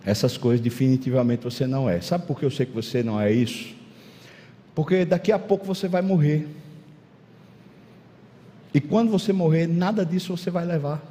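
A man's voice: a little high, mellow, long reverb tail. A man preaching a sermon, dramatic, firing rhetorical questions and acting out little scenes.

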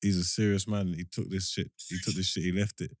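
A man's voice: sits low, fairly even intonation, fairly quick, dry recording. A man with a London roadman accent, bantering casually as a podcast host in street slang. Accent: London, urban roadman street slang.

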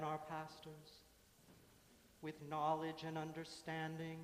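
A man leading a litany in a large church, intoning a slow, measured prayer. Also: on the high side, a little hiss or hum. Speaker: worship leader. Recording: echoey hall, mic from afar.

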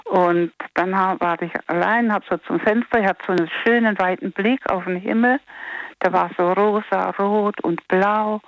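A woman's voice: medium pitch, no room sound. An older woman calling in to a radio show, chatting in a rambling, heartfelt way with many restarts. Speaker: radio caller. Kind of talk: phone-in chat. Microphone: telephone. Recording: lo-fi phone line.

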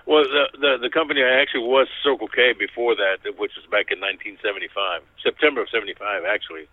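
A man's voice: mid-range voice, fast talker, no room sound. A man in his sixties, a store cashier, answering interview questions politely over a landline phone from the store. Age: 60s. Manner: polite, says "yes, sir" often. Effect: heard over a landline phone. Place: convenience store. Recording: tinny dry phone line.

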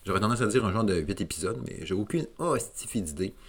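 Québécois male podcast host, fairly low voice, solo and rambling, chatty and loose. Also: expressive, fast, slightly rough. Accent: Québécois French. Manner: rambling, casual, self-deprecating with many fillers and restarts. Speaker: video game podcast host.

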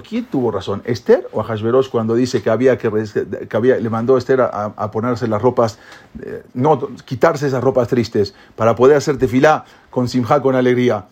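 A man retelling a holiday story as a religious teacher, in a lively way, acting out the quoted lines and scattering in Hebrew terms. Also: mid-range voice, highs cut off. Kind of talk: animated storytelling lesson.

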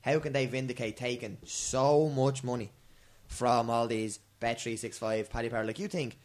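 A male co-host with an Irish accent chats casually about sport. His voice is of medium pitch, and his talk is colloquial and bantering. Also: fairly even intonation, moderate pace. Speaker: podcast co-host.

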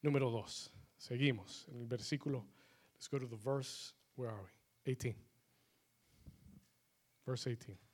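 A man preaching a sermon with call-and-response, switching between two languages and rising to shouts. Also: mid-range voice. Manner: slow, emphatic phrasing. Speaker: pastor. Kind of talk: bilingual sermon.

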